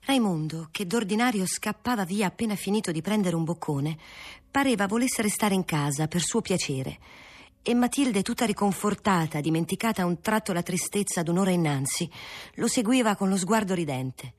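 A woman reading a novel aloud in a measured, even storytelling voice. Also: mid-range voice, husky. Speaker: audiobook reader. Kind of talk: novel narration.

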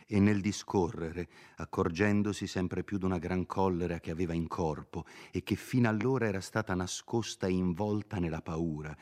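A man narrating a classic novel as an audiobook in a measured, unhurried reading. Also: sits low, a little mellow.

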